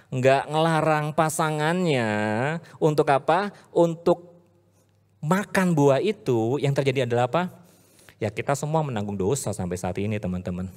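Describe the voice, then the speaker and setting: A man with an Indonesian accent preaching a casual youth sermon, swinging from loud hype to low, earnest talk. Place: church hall. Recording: reverberant church hall.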